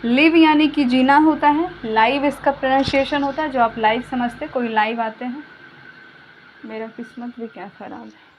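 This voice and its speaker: A woman teaching a spoken English lesson, explaining verb forms slowly with many repeated examples and coughing now and then. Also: fairly high pitch. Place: home room with fan switched off. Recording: dull lo-fi recording with faint hum.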